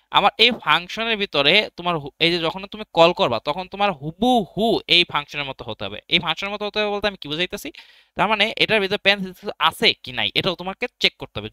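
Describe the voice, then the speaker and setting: Bright, fast-talking man teaching code. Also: fairly high pitch, clean tone, dry recording. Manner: thinks aloud while typing, asks and answers his own questions. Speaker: programming teacher. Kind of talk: casual screen-recorded coding tutorial.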